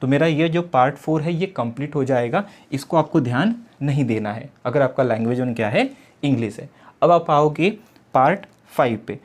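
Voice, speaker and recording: This young teacher's voice is mid-range, and he talks at a moderate pace through an exam coaching tutorial. He explains stepwise, poses and repeats rhetorical questions to himself, and blends English terms into Hindi.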